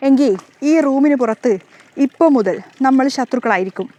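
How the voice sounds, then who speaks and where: A woman voicing a proud young husband who is quick to anger and speaks in stern, curt lines, in a storybook retelling. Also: high voice, warm tone.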